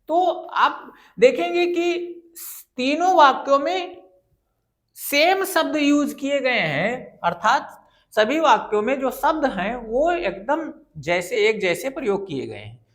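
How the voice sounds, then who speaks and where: A woman teacher explains a grammar lesson slowly and patiently, going step by step. Her fairly high voice rises and falls a lot as she repeats each example. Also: big pitch swings.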